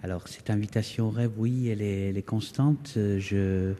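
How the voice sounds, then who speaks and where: A man, an artist explaining their work in an interview, halting and searching for words, in an echoey hall. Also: fairly low pitch, steady tone, dark tone. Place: indoor hall of a townhouse. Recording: echoey, resonant building interior.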